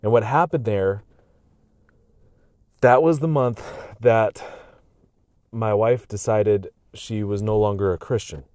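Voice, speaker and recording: A man's voice: lowish voice, slow pace, long pauses, a little mellow, no echo. A man talking casually to his viewers in a rambling, reflective way, tired and hiccuping, with many fillers and restarts. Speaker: vlogger. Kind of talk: casual personal monologue.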